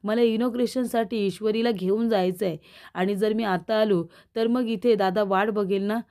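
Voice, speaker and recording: A woman's voice: mid-range voice, fairly even intonation, normal speed, mellow, close to an everyday voice. A woman voicing a cheerful, courteous young man, reading his lines in a TV serial recap. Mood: friendly. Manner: friendly, courteous.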